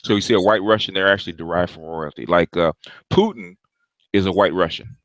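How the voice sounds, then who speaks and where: A man's voice: low voice, a little fast, dry recording, poor audio. A man hosting a casual online chat show, rambling along and often repeating and restarting his words. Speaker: show host. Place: Long Island.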